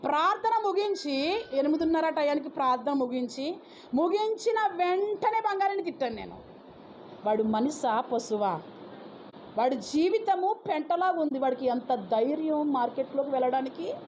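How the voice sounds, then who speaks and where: A woman's voice: high voice, expressive, moderate pace, a little mellow. A woman, a pastor's wife, telling a dramatic testimony in a sermon and scolding her listeners. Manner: scolding, dramatic storytelling with acted quotes. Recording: dull lo-fi recording with faint noise.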